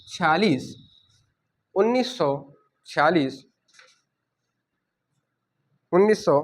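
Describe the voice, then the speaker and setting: A man teaching a coaching class dictates notes, repeating key words slowly so the students can write them down. His voice sits high.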